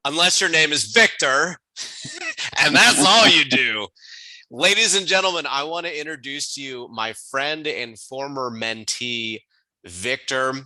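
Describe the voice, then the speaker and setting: A man's voice: a little high, big pitch swings, measured pace, pushed and bright, dry recording, low-quality recording. A man hosting a podcast, introducing and interviewing his guest in an upbeat, hyped-up way. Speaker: podcast host.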